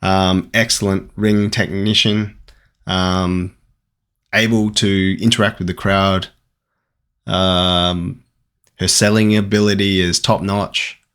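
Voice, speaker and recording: An Australian man chatting casually while opening trading card packs, rambling and getting excited at good pulls. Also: deep voice, slow pace, clear, resonant tone. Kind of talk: casual unboxing commentary.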